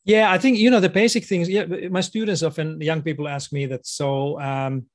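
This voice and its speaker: A man's voice: fairly high pitch, steady tone, normal speed. A man from Finland with a Finnish accent, a guest in a podcast interview, speaking in a thoughtful, modest way with many hesitations. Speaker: guest, education expert.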